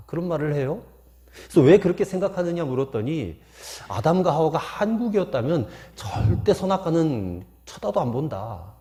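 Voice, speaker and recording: A male pastor delivers a sermon in a mellow, warm tone. His pitch rises and falls in animated swings as he asks rhetorical questions. He slips into folksy anecdotes to make his points. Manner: poses rhetorical questions to the congregation.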